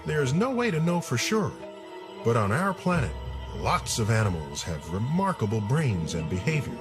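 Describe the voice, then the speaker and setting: A man's voice: mid-range voice, big pitch swings, moderate pace, over music. A man hosting and narrating a scripted nature documentary.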